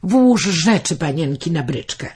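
A man's voice: fairly high pitch, sing-song, a little slow, a little mellow, slightly rough, heavily acted. A man voicing a tall, protective young man who commands strangers and comforts a girl tenderly. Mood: commanding.

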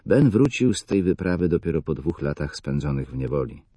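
A man narrating a novel in the first person, measured and somber. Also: extremely low pitch, big pitch swings, dark tone, breathy edge. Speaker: audiobook narrator.

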